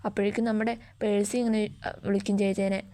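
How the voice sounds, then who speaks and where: Fast, flat-voiced woman retelling a story. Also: mid-range voice. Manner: chatty, fast retelling with frequent tag words. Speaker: YouTube story explainer.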